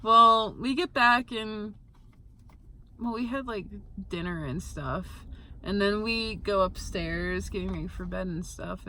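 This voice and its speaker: Young woman vlogging, bright tense voice, chatty and giggly. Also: medium pitch, a little hiss or hum. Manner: chatty storyteller, giggles between phrases. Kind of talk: casual chat.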